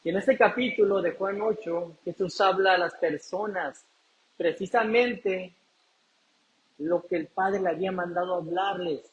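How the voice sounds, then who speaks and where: Male pastor, high voice, preaching with call-and-response questions; muffled lo-fi sound. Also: unhurried, slight background noise. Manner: preaching, asks the congregation questions and answers them. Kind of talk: sermon.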